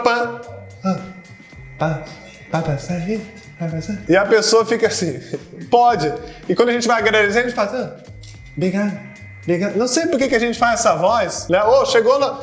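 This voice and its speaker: A man with a Brazilian Portuguese accent teaching a video lesson, playfully acting out little everyday scenes. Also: sits high.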